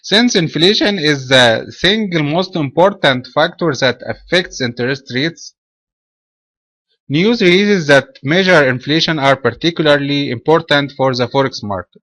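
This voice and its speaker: A man from Egypt presenting a trading webinar in a measured, explanatory way. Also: fairly high pitch, lively intonation, a bit bright, dry recording.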